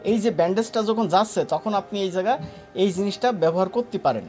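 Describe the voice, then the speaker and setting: A man's voice: high voice, brisk, over loud music. A man with a Bangladeshi Bengali accent teaching an animation class live, casual and chatty, talking students through each click. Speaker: animation course instructor. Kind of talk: live online class demonstration.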